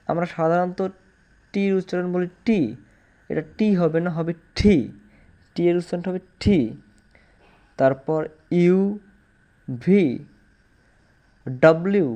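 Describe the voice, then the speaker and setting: A man giving an explanatory language lesson, repeating each point slowly and firmly. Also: high-pitched, a little mellow. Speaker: English teacher.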